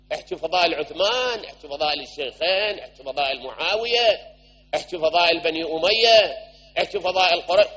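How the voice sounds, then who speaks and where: Man preaching a sermon, muffled sound. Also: on the high side. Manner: storytelling with shifting loudness. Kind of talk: religious sermon. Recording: dull lo-fi recording.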